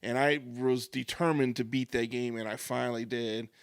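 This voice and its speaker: A man's voice: mid-range voice, steady tone, moderate pace, clean tone, no echo, clean studio sound. A man in his forties, co-hosting a podcast, telling rambling nostalgic stories in casual chat. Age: 40s. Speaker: podcast co-host.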